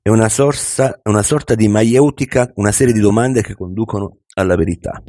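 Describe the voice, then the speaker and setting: A man's voice: lowish voice, dark tone, no room sound, studio quality, natural voice. Man voicing a patient older millionaire mentor. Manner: patient, measured, instructive. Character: wise, calm older male millionaire mentor. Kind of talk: audiobook reading.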